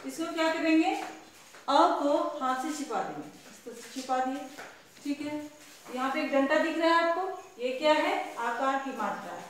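A woman's voice: sits high, moderate pace, very echoey, a little hiss or hum. A woman teaching young children, asking each question and then answering it herself. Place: classroom.

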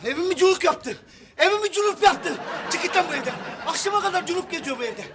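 An actor playing a hot-tempered middle-aged husband who shouts blustering threats in coarse slang. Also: male voice, very high voice, animated, racing, crowd noise, noisy background. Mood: furious. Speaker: sitcom actor. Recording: studio audience laughter behind.

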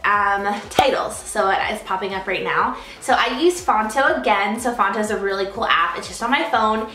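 A woman's voice: mid-range voice, moderate pace, bright, forceful tone, a little hiss or hum. A bubbly young woman YouTuber giving a casual, chatty how-to talk to camera, with lots of ums and "super simple". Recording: echoey room.

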